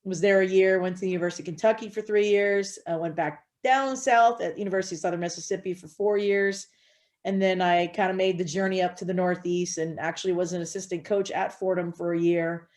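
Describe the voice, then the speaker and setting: Earnest, low-pitched woman softball coach. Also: fairly quick. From Hawaii. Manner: earnest, steady, with frequent fillers. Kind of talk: interview answers.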